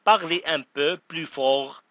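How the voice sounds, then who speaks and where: A man reads short classroom phrases for a language lesson, saying each one twice with slow, careful clarity. His voice is bright and forceful and sits a little high. The recording is close and dry, with no room sound. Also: no room sound. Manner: says each phrase twice, slowly and clearly. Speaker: language teacher.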